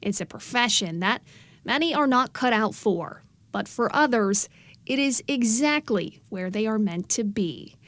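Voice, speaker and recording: A woman news reporter reads scripted narration with measured emphasis. Her voice sits a little high, and the recording is dry and close with no room sound. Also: expressive, fairly bright tone, no echo.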